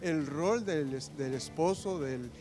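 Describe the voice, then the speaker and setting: A man's voice: on the high side, slow pace, darkish tone. A man from Rica, giving a short, thoughtful testimonial. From Costa Rica. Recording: recorded over music.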